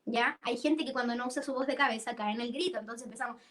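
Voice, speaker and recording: A woman's voice: a little high, quick pace, fairly bright tone, a little hiss or hum. A young woman teaching a church singing workshop, explaining vocal registers and demonstrating them by singing.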